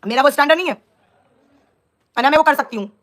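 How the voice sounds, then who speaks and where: A woman's voice: high-pitched, fast talker, fairly bright tone. A young woman on a live stream, scolding and taunting a rival in an angry, combative rant.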